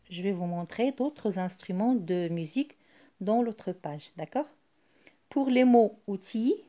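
Slow, mellow-voiced woman teaching reading. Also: medium pitch. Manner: patient, sounding out syllables one by one. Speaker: primary school teacher. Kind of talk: recorded reading lesson for young children.

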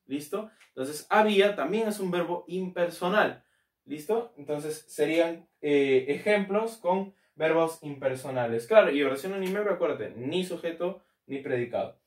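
A fairly high-voiced man walks through grammar as a teacher. He keeps checking in with his listeners and stretches key terms out slowly. His voice rings in an echoey room, recorded from a little way off the mic. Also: lively intonation, distant mic. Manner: checks in with "¿listo?" and "¿cierto?", repeats key words slowly. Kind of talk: grammar lesson.

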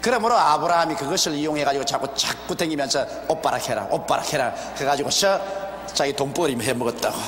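Older male preacher at a pulpit mic, measured delivery with rhetorical questions, long church reverb. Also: fairly high pitch, a bit bright, slight background noise. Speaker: pastor. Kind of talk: expository sermon. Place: large church sanctuary, behind a wooden pulpit. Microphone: pulpit microphone. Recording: roomy, echoey hall with faint ambience, older broadcast video.

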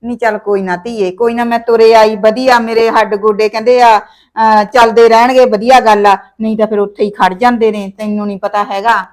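A woman plays a caring older village mother with a Punjabi accent, visiting her married daughter. Her voice sits a little high, and she talks in a homely, advising way, full of sayings. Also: little pitch movement, brisk, a little mellow, close to an everyday voice. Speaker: actor. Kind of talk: village short-film acting.

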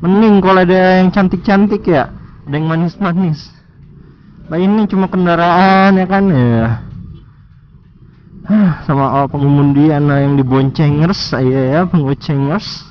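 A young man vlogs from his motorcycle in city traffic, bantering with himself and teasing fellow riders in slang. His voice is slightly high and a bit slow, with long pauses, and the audio sounds dull.

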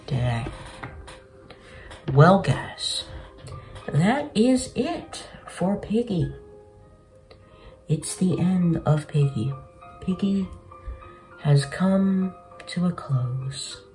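A man's voice: sits high, very animated, extremely slow, pauses often, darkish tone, low-quality recording. A young man giving casual, slangy game commentary, talking to his viewers in a laid-back way from a bedroom. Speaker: gaming video host. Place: small bedroom, indoors. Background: music.

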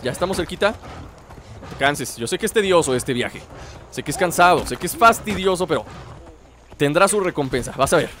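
Excitable Mexican man narrating gameplay. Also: sits high. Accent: Mexican Spanish. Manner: excitable, chatty, talks to his tiger companion. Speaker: gameplay channel host. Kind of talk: let's play commentary.

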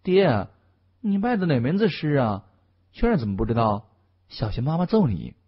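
A man voicing a spoiled, bold teenage girl who answers back in quick, pert, high-pitched retorts. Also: big pitch swings, slightly rough, dull audio. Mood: defiant.

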